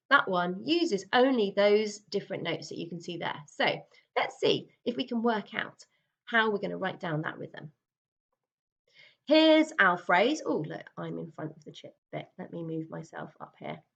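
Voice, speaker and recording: Slow, encouraging woman music teacher. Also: mid-range voice, gravelly, reverberant, dull audio. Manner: patient, encouraging, counts aloud and sings examples. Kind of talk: recorded school music lesson.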